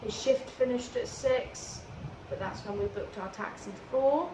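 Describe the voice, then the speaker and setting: A woman's voice: fairly high pitch, a little slow. A woman casually telling a story together with someone, as co-storyteller. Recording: roomy echo, clear background noise.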